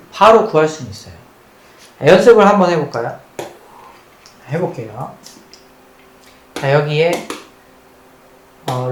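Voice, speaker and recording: A math teacher giving a recorded lecture at the board. The teacher repeats key points and quizzes the students, mixing polite and casual speech. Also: mid-range voice. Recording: roomy echo with faint background noise.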